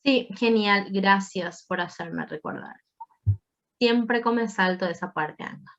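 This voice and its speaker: Slow-paced woman teacher, muffled call audio. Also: medium pitch. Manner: slow, patient explaining with playful asides. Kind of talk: online grammar lesson.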